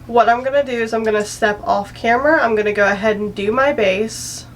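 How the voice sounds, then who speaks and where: A woman's voice: a little high, fairly quick, a little hiss or hum, rough recording. Chatty young woman giving a makeup tutorial. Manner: chatty, self-deprecating, rambling with asides. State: anxious, a little out of breath. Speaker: beauty vlogger.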